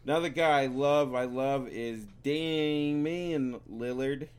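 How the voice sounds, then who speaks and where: Male co-host, mid pitch, loose rambling delivery, uneven mic distance. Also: slow pace, clear, resonant tone. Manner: loose, rambling, trips over words. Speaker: podcast co-host. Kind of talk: casual sports picks chat. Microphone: drifts on and off mic.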